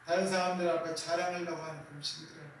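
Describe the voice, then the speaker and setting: A man's voice: a little high, flat delivery, rapid-fire, a little hiss or hum. A male pastor in a small church preaching a sermon, asking rhetorical questions and emphatically repeating key words. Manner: rhetorical questions with call-and-response. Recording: very echoey room, voice from a distance.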